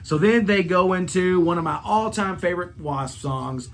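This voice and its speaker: A man hosting a rock review channel, talking excitedly and profanely about a concert and singing bits of the songs. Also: high voice, moderate pace, slight background noise.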